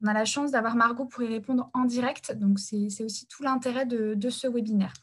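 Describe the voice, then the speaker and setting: A woman's voice: on the high side, fairly even intonation, a little fast. Hesitant woman hosting a webinar. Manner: hesitant, many fillers and restarts. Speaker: webinar host and support worker.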